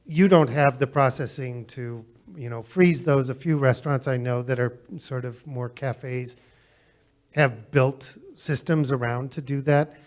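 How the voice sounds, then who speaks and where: A man's voice: mid-range voice, steady tone, a little slow. An American man moderating a panel in a conversational style, steering talk between guests.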